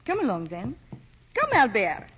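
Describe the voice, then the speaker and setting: An actress playing a flirtatious, teasing aristocratic countess in 1940s radio acting. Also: female voice, fairly high pitch, wildly swooping pitch, a little slow, a bit bright, a little hiss or hum, full character voice. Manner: coquettish, teasing. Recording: dull 1940s radio broadcast.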